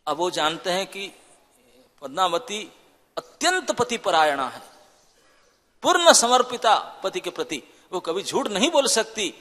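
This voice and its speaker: A man preaching and storytelling with a high, lively voice that rises and falls dramatically. He exclaims often as he tells the story, and a long hall reverb surrounds him in the temple. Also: a little slow, pauses often. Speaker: monk preacher. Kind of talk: devotional sermon storytelling.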